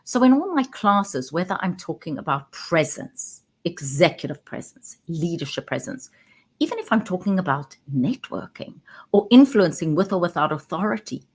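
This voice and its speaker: A woman who works as a communication coach, talking straight into her camera and stressing key words with pauses. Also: deep voice. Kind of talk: direct-to-camera talk. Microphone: webcam.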